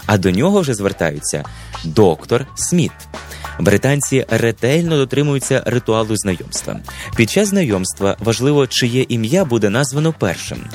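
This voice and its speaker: A man presenting an educational program, reading a scripted lesson in a measured, instructive manner and slowing down on key words. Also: mid-range voice, sing-song, darkish tone, faint music behind. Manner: measured, didactic, stretches words slowly for emphasis. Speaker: presenter of a language and etiquette program.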